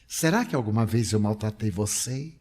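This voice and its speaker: A humble old mother, soft and pleading, as an older Brazilian man quotes her. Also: fairly low pitch, lively intonation, moderate pace, natural voice. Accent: Brazilian Portuguese. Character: humble elderly mother, gentle and tearful.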